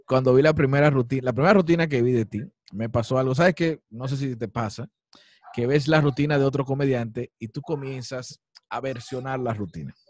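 A man's voice: mid-range voice, a little fast, darkish tone. A man hosting a casual interview with a fellow comedian, chatty and retelling his own reactions with quoted asides. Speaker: interview host.

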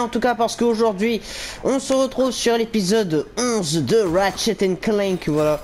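A young man chats his way through a video game in an easygoing let's-play. His voice sits slightly high, and he rambles with plenty of fillers. A faint hiss runs under the home mic. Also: darkish tone. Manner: chatty, rambling, lots of fillers and quick laughs. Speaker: gaming YouTuber. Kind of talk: casual let's-play commentary.

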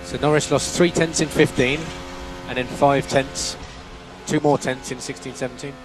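Heard as a team radio transmission, a male race engineer with a mid-range, steady voice talks at normal speed, issuing short, businesslike instructions and repeating the crucial phrases. There's background noise.

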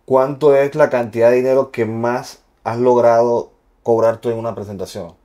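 A man's voice: mid-range voice, fairly even intonation, moderate pace, warm tone, highs cut off. A man interviewing a singer, asking probing personal questions and pressing with follow-ups. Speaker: interviewer, channel host.

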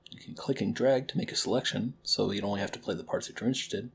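A young man hosting a library program gives a friendly, step-by-step tutorial on audio editing software from a kitchen-living room at home. He talks very fast in a fairly low voice with vocal fry and a slightly rough quality.

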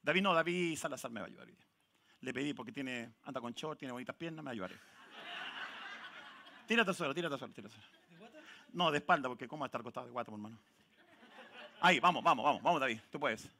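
A man with a Chilean Spanish accent preaching a sermon in church, lively and joking with the congregation and calling people by name. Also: medium pitch, rapid-fire, creaky, long pauses, background noise. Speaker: pastor.

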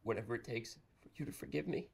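An actor playing a guilt-ridden, self-loathing man in a film drama, desperate and halting, with stammered pleas. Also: medium pitch, gravelly, husky. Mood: pleading. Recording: prominent music behind the voice.

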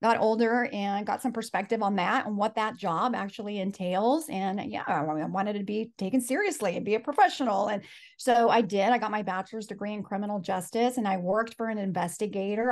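Speaking over a webcam on a video call from her home office, this woman in her forties, a life coach from Los Angeles with Spanish as her first language, shares her story in an earnest, reflective way, laughing frequently. Her voice is mid-range and brisk.

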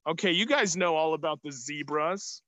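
A man's voice: fairly high pitch, moderate pace, bright, forceful tone, no room sound. A man in his thirties speaking up through a surgical face mask as an upbeat tour guide, hosting a live outdoor tour for children and putting questions to them. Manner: projecting, upbeat, asking the audience questions. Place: outdoors on an open hilltop terrace. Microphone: phone or camera at arm's length, video call.

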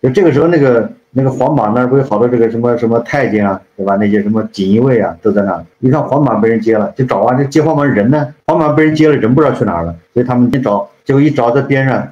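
A man's voice: medium pitch, very fast, few pauses, darkish tone. Man, casual storyteller, rambling with repeated fillers, echoey room, slightly muffled sound. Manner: rambling, many repeated fillers and tag questions. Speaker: storyteller, channel host. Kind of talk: casual retelling of a classic novel. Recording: roomy, slightly dull sound.

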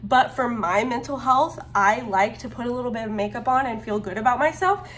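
A woman's voice: fairly high pitch, brisk, a bit bright. A woman in her twenties, a stay-at-home mom, chatting casually and rambling a little while filming herself at home. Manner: chatty, rambling, with fillers and restarts. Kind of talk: casual get-ready-with-me vlog. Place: home, by a small guest bathroom. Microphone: phone held at arm's length. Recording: home vlog with faint fan noise. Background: air conditioner hum.

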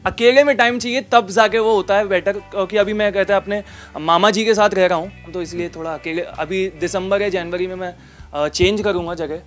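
A young man in his twenties, an audience member at a seminar, answering questions in an earnest, soft-spoken way. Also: sits high, fairly even intonation, a little fast, faint music behind.

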